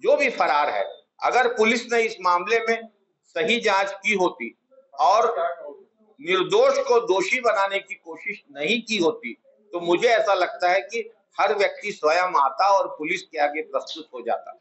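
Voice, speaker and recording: A middle-aged man giving a formal political statement at a press conference in a small office, measured and emphatic, repeating key words for stress. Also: high-pitched, lively intonation, fairly bright tone, low-quality recording. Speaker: Congress party spokesman at a press conference. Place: small office room, indoors. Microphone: clip-on lapel mic, table of press mics.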